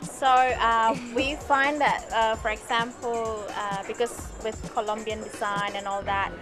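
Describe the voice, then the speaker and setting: A woman's voice: fairly high pitch, level tone, measured pace. A woman designer answering interview questions hesitantly, with many fillers. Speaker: swimwear designer. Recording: music playing behind.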